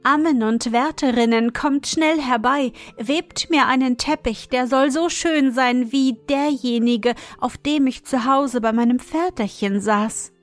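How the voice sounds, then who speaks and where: A wise young fairy-tale princess calls out in a raised, lifted voice, ringing and commanding, as a woman puts her on. She delivers her orders slowly, with faint music behind. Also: sits high.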